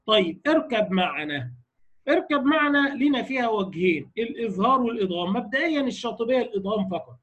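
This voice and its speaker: Egyptian male recitation teacher, high voice, explains step by step and keeps checking that students follow. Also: expressive, fast talker, a bit bright, husky, muffled recording. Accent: Egyptian Arabic. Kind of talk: lecture on recitation variants.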